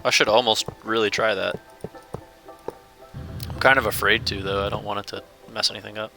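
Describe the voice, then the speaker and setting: A man's voice: fairly low pitch, steady tone, a little fast, gravelly, sharp tone, soft background music. A man casually talking through his gameplay as a channel host, thinking aloud and chuckling now and then. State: hiccups. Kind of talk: casual let's-play commentary.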